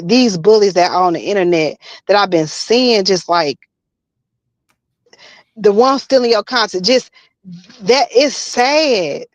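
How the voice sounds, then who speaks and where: Slightly muffled woman, halting casual talk. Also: mid-range voice, no echo. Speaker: guest telling of being bullied online.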